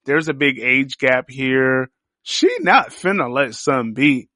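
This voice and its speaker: A man's voice: medium pitch, lively intonation, a little slow, sharp tone, no echo, clean studio sound. A young man hosting a podcast, reviewing a series in a crude, joking, slangy riff full of profanity. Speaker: podcast host.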